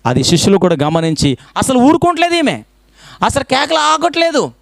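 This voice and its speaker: A man preaching a fervent sermon as a pastor, firing off rhetorical questions and swinging between loud pleading and hushed low lines. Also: very animated, a little fast, creaky, no room sound.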